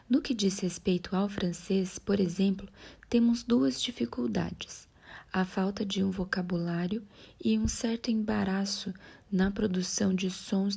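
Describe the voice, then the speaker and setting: A woman reading a nonfiction audiobook aloud in a soft, breathy near-whisper, now and then correcting a slip. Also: medium pitch. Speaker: audiobook reader.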